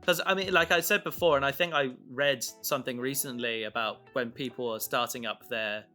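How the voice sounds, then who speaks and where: A man with a mid-range, bright and forceful voice talks fairly quickly over soft background music. As a podcast host, he chats casually about making an audio drama, rambling enthusiastically about his creative work and often trailing off mid-thought.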